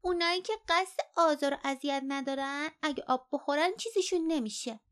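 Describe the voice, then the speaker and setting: A woman's voice: high voice, fairly bright tone, voice pushed up. A woman voicing a small, sulky young creature in an audiobook, whining and grumbling. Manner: whiny, grumbling. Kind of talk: audiobook character voice.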